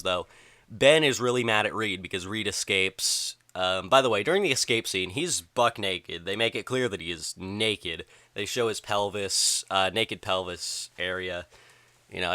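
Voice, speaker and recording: A man's voice: on the low side, sharp tone, no echo. Rambling young man reviewing a film. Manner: rambling, filler-heavy, with frequent ums and likes. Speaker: movie reviewer. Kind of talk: casual spoken film review.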